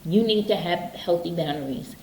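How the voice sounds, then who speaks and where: A woman's voice: lowish voice, lively intonation, moderate pace, warm tone, echoey room, slight background noise, poor audio. A woman giving casual motivational self-help advice, earnest, often checking in with "okay?". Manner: earnest, repeats points with "okay?".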